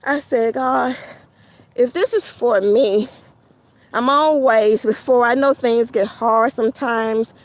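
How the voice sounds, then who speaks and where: Slow-talking breathless woman walking outdoors. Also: fairly high pitch, rough recording. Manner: slow, rambling, with many fillers. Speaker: vlogger. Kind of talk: casual talk while walking. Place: outdoors on a snowy winter path.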